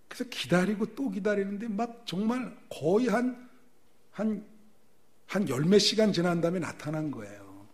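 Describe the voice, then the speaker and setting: Man, pastor, sermon, animated storytelling, rhetorical questions, lively pitch. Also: normal speed.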